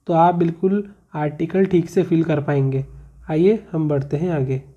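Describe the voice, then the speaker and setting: A man's voice: on the high side, steady tone, moderate pace, warm tone. A male teacher explaining grammar rules in a classroom lesson, repeating each rule and asking the class questions as he goes. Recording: muffled, slightly lo-fi.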